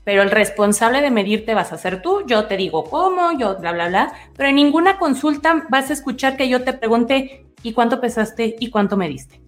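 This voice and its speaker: A woman's voice: fairly high pitch, lively intonation, normal speed, hardly any pauses, soft background music. A woman nutritionist, explaining her approach in an interview and acting out what her patients say. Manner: earnest, explains with quoted patient dialogue. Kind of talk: casual interview talk.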